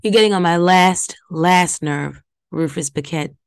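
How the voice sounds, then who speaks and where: A vengeful she-beast rasps in a bass, alien growl, put on by a woman narrating the tale. Her threats come slow and low. The sound is dry and close. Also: no echo. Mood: menacing. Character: monstrous female she-beast, menacing and vengeful. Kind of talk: audiobook reading.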